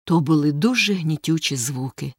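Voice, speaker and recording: A woman reading a story aloud in a measured, suspenseful narration style. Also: low voice, expressive, no echo, studio quality. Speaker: audiobook narrator.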